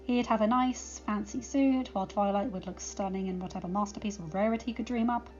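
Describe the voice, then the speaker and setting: Woman narrator, expressive audiobook reading, mid-range voice, slightly muffled lo-fi sound, faint music. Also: medium pitch, fairly quick. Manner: expressive storytelling. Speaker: audiobook reader. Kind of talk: fan fiction audiobook narration.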